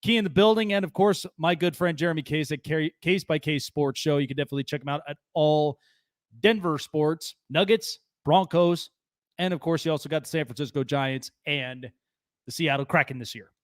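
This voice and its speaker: A man's voice: fairly high pitch, a little fast, no echo, studio quality. A man hosting a live sports talk show, speaking in an emphatic announcer-like manner.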